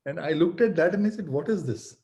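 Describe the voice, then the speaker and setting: Guy hosting a chat, warm mellow tone, lots of restarts and laughing. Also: fairly high pitch, animated, a little fast. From India. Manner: chatty, hesitant restarts, laughs often. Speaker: podcast host. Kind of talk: casual interview chat.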